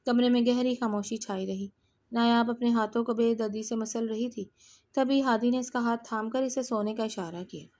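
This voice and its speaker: A woman narrating a romance novel in an even storytelling manner. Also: a little high.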